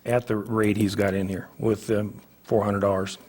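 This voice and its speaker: A man on a city council, making and clarifying a motion in a quick, offhand way. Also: on the low side, little pitch movement, darkish tone, slight background noise. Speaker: council member. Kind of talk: speaking at a council meeting. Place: council chamber.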